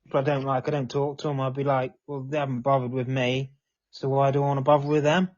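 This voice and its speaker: A man's voice: mid-range voice, little pitch movement, fast, a little mellow, muffled recording. An English man co-hosting a podcast, speaking plainly and briefly in casual chat. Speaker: podcast co-host.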